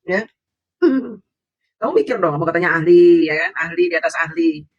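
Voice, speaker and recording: A man's voice: a little high, expressive, normal speed, dry recording, highs cut off. A man doing an angry political vlog, mocking and insulting his opponents with scornful laughs. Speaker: political commentator.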